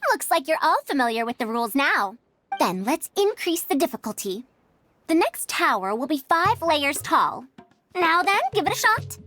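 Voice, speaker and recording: A woman's voice: high voice, big pitch swings, moderate pace, fairly bright tone. An actress voicing a confident, scholarly young woman researcher in a video game, instructive and precise, with music behind her. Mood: brisk, confident. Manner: instructive, self-assured, precise. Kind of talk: video game character dialogue.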